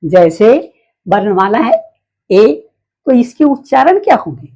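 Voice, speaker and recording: A woman teaching letter sounds in a slow, repetitive way, often asking the listener questions. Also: on the high side, very animated, warm tone, husky, rough recording. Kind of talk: phonics lesson.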